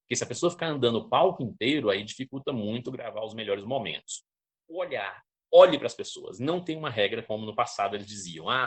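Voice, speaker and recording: A man's voice: medium pitch, husky. A man from Brazil, teaching a lecture on public speaking, often checking in with his listeners. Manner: didactic, checks in with listeners, lively emphasis.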